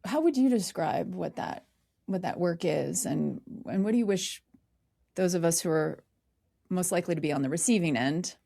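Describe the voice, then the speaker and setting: Low, gravelly woman asking questions. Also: animated, normal speed, dark tone. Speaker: interview host. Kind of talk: interview questions.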